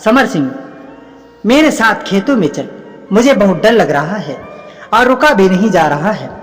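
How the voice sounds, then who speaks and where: A man reading aloud plays a cunning village merchant who nags and complains. His voice sits high and carries a long reverb. Faint music plays beneath him. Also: big pitch swings, a little slow. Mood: pleading.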